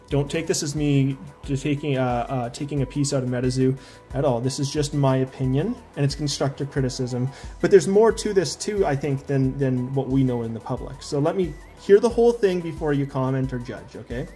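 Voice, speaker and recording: A man's voice: a little high, a little mellow. Chatty man unboxing while in pain. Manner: chatty, rambling, with many restarts and fillers. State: in pain, a little out of breath. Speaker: unboxing vlogger. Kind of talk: casual unboxing talk.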